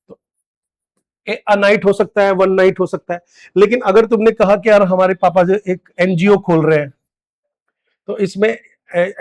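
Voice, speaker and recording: High-voiced man teaching grammar. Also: darkish tone. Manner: drills students with repeated questions, very high-pitched. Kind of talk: classroom lecture.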